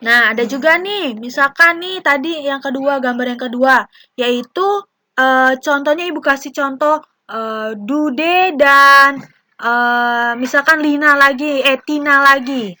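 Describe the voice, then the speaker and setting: Bright high-voiced young woman teacher. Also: slow. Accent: Indonesian. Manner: explains patiently, acts out short example dialogues. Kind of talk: classroom lesson for young children.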